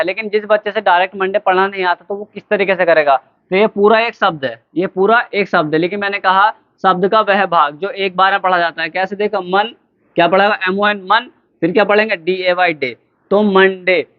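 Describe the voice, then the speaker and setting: This classroom grammar lesson is led by a man whose high voice comes across clear and smooth, with fairly even intonation. Questioning the students and then answering himself, he spells out words one letter at a time, slowly. It sounds thin and tinny, as if over a phone.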